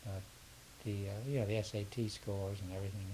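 An older man from the southern United States, an education consultant, answers interview questions casually, rambling and hesitating and often repeating words. His voice is lowish and fairly quick. A faint steady hiss sits under the recording.

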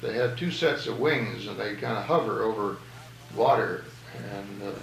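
A man conducting an informal fieldwork interview, asking questions in a halting, hesitant way. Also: lowish voice, creaky, fairly bright tone. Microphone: distant from the speaker. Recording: distant, echoey, noisy field recording.

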